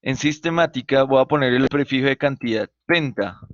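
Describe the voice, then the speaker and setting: A man's voice: medium pitch, normal speed, no room sound, muffled recording. A man teaching an online chemistry class, patiently asking his students questions and then answering them himself. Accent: Colombian Spanish. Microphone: computer mic on a video call.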